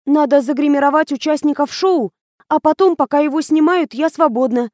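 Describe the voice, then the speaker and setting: Trembling frightened young woman, read by a woman, high and hesitant, audiobook. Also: brisk, a little mellow, no echo, studio quality, natural voice. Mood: nervous, frightened. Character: nervous young woman makeup artist, frightened, hushed.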